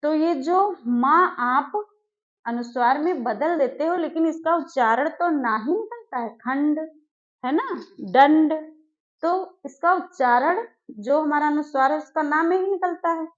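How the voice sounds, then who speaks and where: Slow-paced woman teaching grammar drills. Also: high voice, animated. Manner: slow, drawn-out syllable drills with repeated questions. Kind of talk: exam-prep grammar lesson. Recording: dull lo-fi recording.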